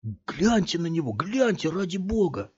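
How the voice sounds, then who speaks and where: A man's voice: medium pitch, big pitch swings, unhurried, a little mellow, breathy edge, pitched above the performer's own voice. A man voicing a young male street thug in a cap, a mocking and menacing bully. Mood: excited. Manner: mocking, snarling, barked threats. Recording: dull lo-fi audiobook recording.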